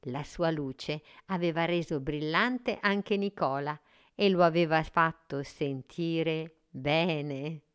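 A woman narrating a children's story gently and carefully. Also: deep voice, slow pace, clear, resonant tone.

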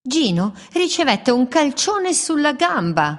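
A woman reading a children's story aloud in a playful, expressive way, with repeated refrains. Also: sits high, unhurried.

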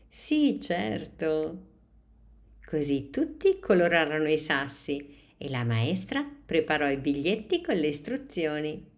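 Slow, low-voiced woman reading a bedtime story. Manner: slow, calm, measured reading. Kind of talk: children's story narration.

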